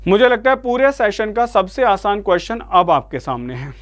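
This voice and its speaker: A man's voice: high-pitched, sing-song, moderate pace, no echo. A man with an Indian accent teaching an online vocabulary lesson, coaxing his students along and asking them for answers again and again. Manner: coaxing, repeatedly addresses students as "beta".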